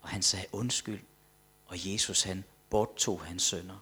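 A man preaching a sermon with emphatic delivery, swinging between loud declarations and hushed asides, often repeating words as he builds a point. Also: sits low, steady tone, slightly rough.

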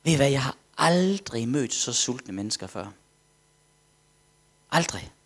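A man's voice: mid-range voice, big pitch swings, a bit bright. A man preaching, telling a story animatedly, acting out quotes and dropping to whispers. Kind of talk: sermon testimony storytelling.

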